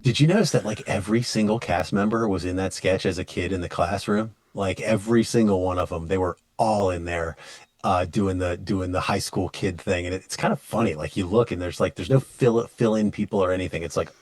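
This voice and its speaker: Low-voiced man chatting casually. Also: brisk, a little mellow, dry recording. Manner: rambling, many restarts and fillers. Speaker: podcast co-host. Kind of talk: casual chat.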